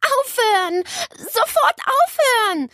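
A woman voicing an indignant young girl who scolds a noisy pet, in a high, raised voice. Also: very animated, slow, pushed and bright, no echo, clean studio sound, exaggerated voice. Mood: scolding. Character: cross young girl woken too early.

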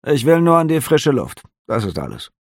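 Tanis Half-Elven, a man voicing a gruff, curt officer. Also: mid-range voice, wildly swooping pitch, normal speed, no echo, clean studio sound, pitched above the performer's own voice, heavily acted. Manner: growling, curt, cold. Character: gruff, guarded half-elf male officer.

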